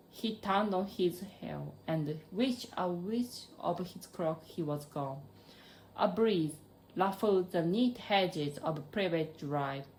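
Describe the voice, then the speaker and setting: A woman with a Japanese accent reading a storybook aloud as an audiobook narrator, in a careful, unhurried way. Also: fairly low pitch, a little mellow, slight background noise, low-quality recording.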